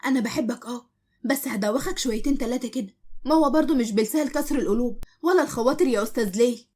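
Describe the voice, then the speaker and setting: A woman with an Egyptian Arabic accent voicing a sharp-tongued, stubborn young wife who scolds her husband and her brother. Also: on the high side, racing, lightly acted. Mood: sassy. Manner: sassy, scolding.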